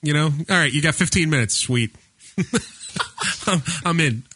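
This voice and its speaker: A man's voice: fairly high pitch, normal speed, bright, forceful tone, dry recording. A man in his thirties, a radio show co-host, telling blunt stories in crude casual banter, laughing often and padding with fillers. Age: 30s.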